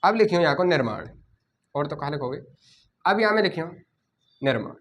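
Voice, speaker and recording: A man teaching a coaching class, dictating notes and repeating key words slowly so students can write them down. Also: on the high side, sing-song, fairly bright tone.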